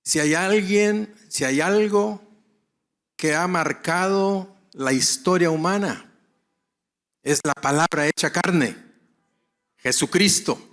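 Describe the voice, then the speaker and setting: A man's voice: high-pitched, slow pace, pauses often, fairly bright tone. A male pastor giving a conference lecture to other pastors, repeating key phrases for emphasis and asking and answering his own questions.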